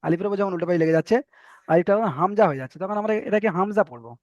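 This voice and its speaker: A man with a fairly high voice teaches Quran reading online, drilling letters and vowel marks again and again. His delivery is patient and steady. The sound is dry and a little dull, like a lo-fi call recording. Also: very fast, dry recording. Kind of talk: online Arabic reading lesson.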